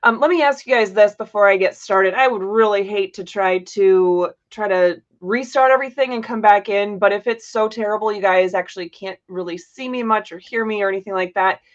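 Woman, podcast host, casual livestream chat, rambling, teasing, average pitch, slightly dull lo-fi sound. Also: fairly quick, few pauses. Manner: chatty and rambling, many fillers and self-corrections; playful teasing.

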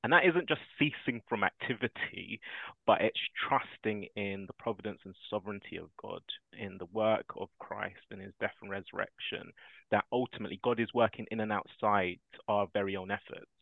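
Man, podcast guest, earnest reflective storyteller, deeper voice, thin phone-like audio. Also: moderate pace, vocal fry, dry recording. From South London. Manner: earnest, thoughtful, laughs while telling stories. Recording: dry, tinny phone-like line.

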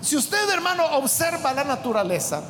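Male preacher, very high voice, conversational sermon, shouted emphasis, long hall echo, faint rumble. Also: big pitch swings, moderate pace. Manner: retells scripture conversationally, addresses listeners as brother; bursts into shouting on key points.

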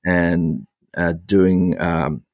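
In a clean studio recording that's dry, a low, slightly mellow-voiced man tells his own story as an interview guest. He's in his sixties, from Hong Kong, and works as a priest and author. His speech is halting, marked by frequent long hesitations and repeated fillers while he gropes for words.

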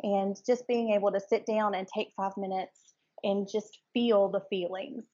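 A woman's voice: medium pitch, fairly even intonation, a little slow, mellow, muffled recording. A woman hosting a podcast interview, talking earnestly and reflectively, often repeating words as she thinks. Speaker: podcast host. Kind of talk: casual interview chat.

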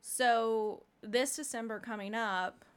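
A young woman hosting a casual podcast interview at home, chatty and quick with asides. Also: on the high side, steady tone, clean tone. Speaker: podcast host. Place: home room with a dog.

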